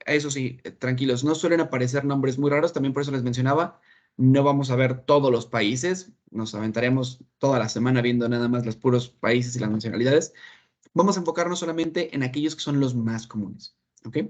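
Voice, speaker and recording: A man with a Mexican Spanish accent teaches an online English class, explaining things patiently and frequently checking understanding. He speaks fairly quickly in a mid-range voice, repeating points and often asking "¿ok?"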